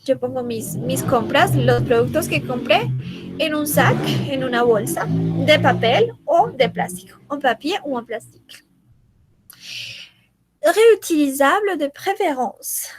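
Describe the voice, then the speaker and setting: A woman teaching a language lesson, repeating each word slowly and translating it. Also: sits high, huge pitch swings, faint music behind. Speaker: French teacher.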